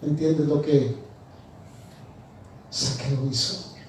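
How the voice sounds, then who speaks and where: A man's voice: on the high side, extremely slow, slight background noise. A male pastor preaching a sermon, telling stories with animation and acting out the dialogue. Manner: animated storytelling, acts out dialogue. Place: church. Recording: echoey church, distant mic.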